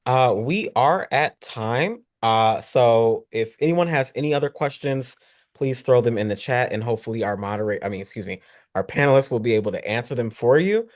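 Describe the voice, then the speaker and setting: A young man with a mid-pitched voice moderates a video-call panel. He speaks casually and gratefully, with small stumbles and fillers. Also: animated. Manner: grateful, casual, a little halting. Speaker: panel moderator, former patient.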